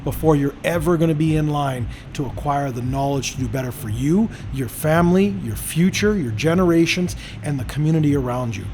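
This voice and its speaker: A middle-aged man from Canada hosts a casual podcast conversation, driving his points home in an emphatic, lecturing way. His voice sits a touch higher than most men's, with a faint hiss of noise behind it. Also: a little fast, few pauses, darkish tone. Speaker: podcast host.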